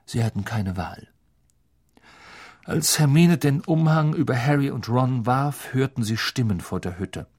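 A man narrating a storybook audiobook in an expressive, measured way. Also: medium pitch, slightly rough. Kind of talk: scripted narration.

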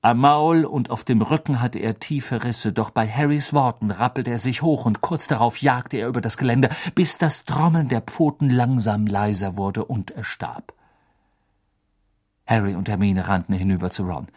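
A male audiobook narrator with a middle-pitched voice, reading with dramatic, expressive storytelling. He lifts and drops his delivery to follow the action. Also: normal speed.

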